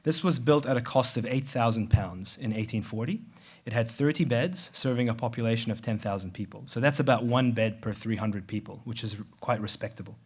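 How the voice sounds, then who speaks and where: A middle-aged man from Dubai speaks at a conference in a voice of middle pitch. He talks in a conversational, measured way, now and then restarting a word. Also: husky. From Middle East, grew up in Dubai. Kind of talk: conference presentation. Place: large venue.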